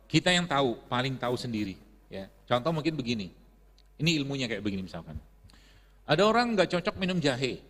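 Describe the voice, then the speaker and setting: A man's voice: medium pitch, fairly bright tone. A middle-aged man giving a casual religious health talk to an audience, chatty and laughing often. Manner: chatty, laughs often, uses Islamic phrases. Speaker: preacher and health speaker. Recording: long hall reverb.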